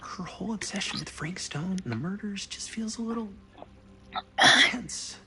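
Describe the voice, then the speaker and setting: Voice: mid-range voice, lively intonation, moderate pace, background noise, natural voice. An actor playing an uneasy young local confiding in a friend in a video game, naturalistic.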